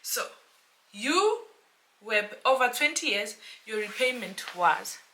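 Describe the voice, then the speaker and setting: A South African woman, a real estate agent, chatting to camera in a casual explainer vlog, animated and talking to her viewers like friends. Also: on the high side, slow, a little hiss or hum. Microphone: camera mic, self-filmed.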